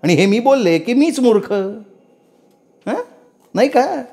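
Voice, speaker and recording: A man voicing a quick-tempered young mother who talks in a sharp, sarcastic, raised voice. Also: very high-pitched, sing-song, vocal fry, pitched above the performer's own voice, exaggerated voice. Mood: shrill.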